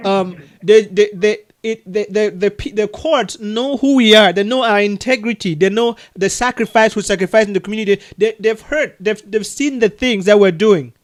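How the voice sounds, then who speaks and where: Man from Cameroon, Cameroonian accent, high voice, earnest and halting over a video call. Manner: earnest, many restarts and soft laughs. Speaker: adoption agency leader. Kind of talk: casual video call conversation.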